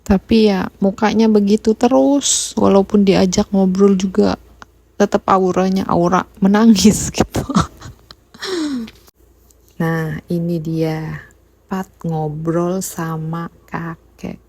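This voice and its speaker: A young woman from Indonesia narrating a casual vlog, soft-spoken and given to small laughs. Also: medium pitch, fairly even intonation, slow, gravelly, pauses often, no echo. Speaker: vlogger.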